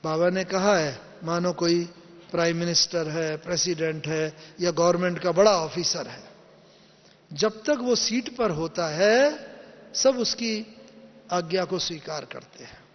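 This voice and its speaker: A man giving a spiritual class, explaining slowly and quoting teachings in a gentle voice. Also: sits high. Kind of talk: spiritual discourse. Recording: dull lo-fi audio with long hall reverb.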